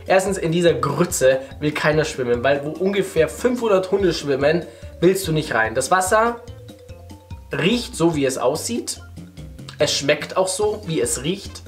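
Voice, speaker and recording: Chatty young man with a light voice. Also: a little high. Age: young adult. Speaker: YouTuber reacting to videos. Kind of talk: casual reaction commentary. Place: indoor living room.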